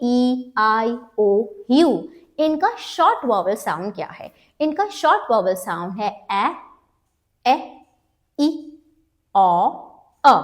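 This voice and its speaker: Woman teaching phonics slowly. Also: on the high side. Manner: slow, spells out sounds, repeats for learners; mixes Hindi with English terms. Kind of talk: step-by-step lesson.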